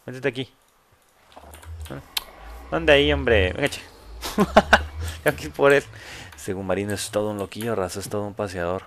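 A man's voice: on the low side, moderate pace, long pauses, a bit bright, a little hiss or hum. A man with a Mexican accent giving casual, joking let's play commentary full of crude slang. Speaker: gamer host.

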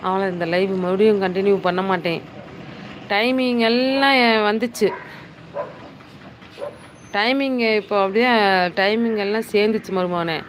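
A middle-aged woman with a mid-range voice hosts a casual live stream from a hill town in the Nilgiris. Chatty and teasing, she reads viewers' comments into her phone with plenty of exclamations. The recording is low quality, with slight background noise.

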